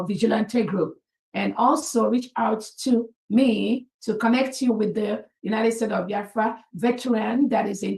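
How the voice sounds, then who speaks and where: A woman's voice: medium pitch, vocal fry, a little mellow, roomy sound, poor audio. A woman addressing members in an online meeting, earnest and formal, thanking people by title.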